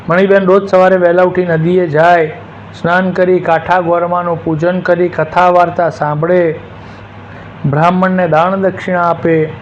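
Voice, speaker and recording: Man reciting a devotional story, slightly high. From Gujarat. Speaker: kathakar storyteller. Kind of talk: religious story narration. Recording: dull lo-fi with faint hiss.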